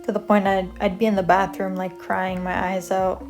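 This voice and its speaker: A soft-spoken young woman from Canada, casually telling stories about her school years in a rambling, self-deprecating way while she draws, with light music playing behind her. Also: mid-range voice, little pitch movement, normal speed. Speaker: vlogger. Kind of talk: casual storytelling over drawing.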